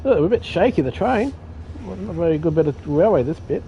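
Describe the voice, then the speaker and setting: Animated and brisk, with a slightly high voice, a streamer rambles through casual commentary on a train driving game. He's self-deprecating with some mild swearing, and the recording is dull lo-fi with game noise faintly underneath.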